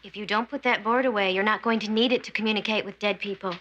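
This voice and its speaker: An actress playing a vain, pampered young wife in a 1980s sitcom, prim and indignant. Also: female voice, mid-range voice, fairly even intonation, quick pace, dull audio, heavy background noise, lightly acted. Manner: prim, indignant, affected delivery.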